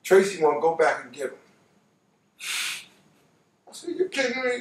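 A high-pitched older American storyteller spins animated, casual personal stories, his pitch swooping wildly at a moderate pace. He speaks colloquially and repeats phrases for emphasis. He's indoors on a living room couch, recorded roomy through a distant microphone.

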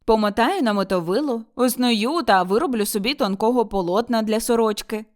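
A woman's voice: on the high side, a little fast, lightly acted. A woman reading an audiobook, voicing a stubborn young daughter-in-law who answers back curtly and defiantly. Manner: curt, defiant, retorting. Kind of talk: audiobook character voice.

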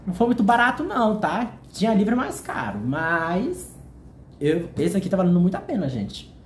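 A man with a Brazilian Portuguese accent, excitedly unboxing a book on a casual vlog, gushing and jittery with nerves. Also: high voice, normal speed, roomy sound, slight background noise. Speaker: vlogger. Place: hotel room.

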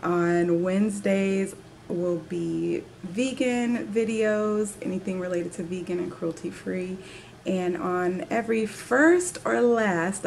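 A woman's voice: on the low side, vocal fry, a little mellow, slight background noise. A young adult woman chatting casually to camera in her living room, bubbly and laughing often between phrases. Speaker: vlogger. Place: living room at home, indoors.

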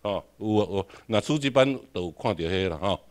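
A man's voice: on the low side, lively intonation, fairly quick. A man with a Taiwanese accent giving a classroom lecture, questioning the audience and repeating his points.

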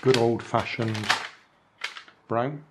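An older vlog host speaks extremely slowly in a steady, medium-pitched voice while the background stays noisy. At a table indoors, hands visible on camera, he chats dryly about his charity shop finds with musing asides.

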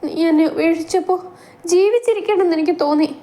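A woman's voice: moderate pace, mellow, lightly acted. A woman voicing a possessive, tearful young woman who pleads and schemes, in a storybook reading. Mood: pleading. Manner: pleading, high and strained.

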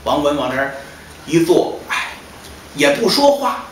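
一位带北京口音的男说书人，在书馆里说单口相声，讲得活泼，时常喊着演对话。. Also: male voice, fairly high pitch, measured pace. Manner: lively, acts out dialogue with shouts. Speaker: storyteller. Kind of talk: traditional solo comic storytelling. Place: storytelling hall. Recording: echoey distant hall, faint noise.

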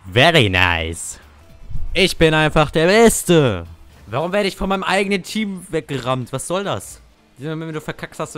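A man's voice: a little high, a bit bright. A young man giving casual gameplay commentary, cursing and ranting at his teammates. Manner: salty, swears and rants at teammates. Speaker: gamer.

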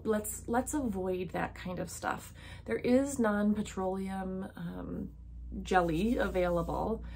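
A woman in her thirties speaks straight to camera from a small home office lined with bookshelves. Her voice sits at an ordinary middle pitch, and her delivery is earnest and instructive. She sounds like an educator advising parents, with frequent ums along the way. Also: darkish tone, a little hiss or hum. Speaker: health educator. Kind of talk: direct-to-camera educational talk.

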